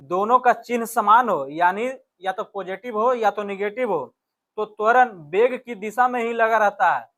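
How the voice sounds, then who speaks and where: Working through physics exam questions, a teacher with an Indian accent repeats key phrases and checks in with students using short tags. He has a high voice with a fairly bright tone.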